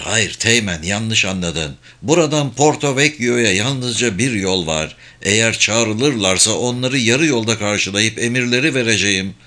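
A man voicing a seasoned older spy who speaks calmly and gives commands. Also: medium pitch.

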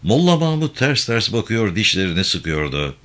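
Bright low-voiced man reading a novel. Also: big pitch swings, moderate pace. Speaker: audiobook reader.

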